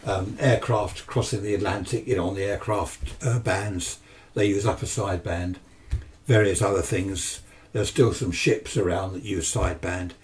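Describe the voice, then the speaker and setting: A low-pitched British man talks at a normal speed in a steady tone. He's chatting informally and without a script about amateur radio, rambling and matter-of-fact. The recording, made indoors in his home radio shack, uses a distant microphone and has noisy room ambience.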